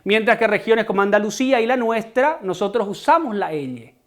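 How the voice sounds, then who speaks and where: A man with a Paraguayan Spanish accent teaches an online lesson in a fairly high voice. He explains each point step by step, stresses the key terms and often turns to address his students directly. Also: expressive, brisk, a bit bright.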